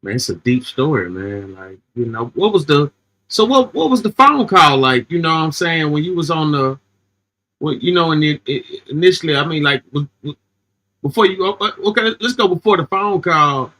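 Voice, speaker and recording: Bright-voiced man asking halting questions. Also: a little high, expressive, rough recording. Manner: halting, hesitant questions with many fillers. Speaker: host. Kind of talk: casual interview chat.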